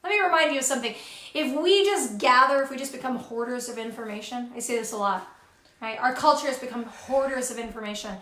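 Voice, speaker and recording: High-voiced encouraging woman, roomy sound. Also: fast, fairly bright tone. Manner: encouraging, builds emphasis through repeated phrases. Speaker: co-host. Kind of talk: motivational pep talk.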